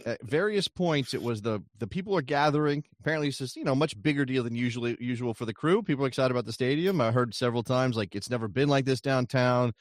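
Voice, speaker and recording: A man hosting a casual sports chat, telling things in an animated way with rhetorical questions and asides. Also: medium pitch, fast talker, few pauses, dry recording, studio quality. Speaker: podcast host.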